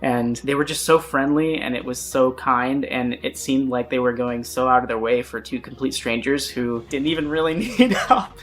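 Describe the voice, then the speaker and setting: A man in his thirties from the United States hosting a family vlog, explaining things in a relaxed way with light laughs. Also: mid-range voice, moderate pace, hardly any pauses, soft background music. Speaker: vlog host, father. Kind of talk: casual family vlog talk.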